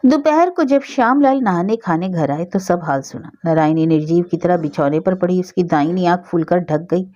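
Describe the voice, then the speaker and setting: A woman narrating a story with a steady, expressive reading. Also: on the low side, normal speed, dull audio.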